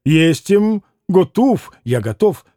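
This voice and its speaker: A man voicing a pompous, condescending gentleman with a Polish accent, speaking gravely. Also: high-pitched, sing-song, no echo, studio quality, full character voice. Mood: haughty. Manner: grave, haughty, slow.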